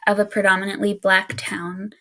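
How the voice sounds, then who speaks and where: A woman's voice: mid-range voice, moderate pace. A woman co-hosting a podcast, telling a spooky story in casual chat with an easygoing manner and frequent laughs. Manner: relaxed, laughs often, easygoing with fillers. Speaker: podcast co-host.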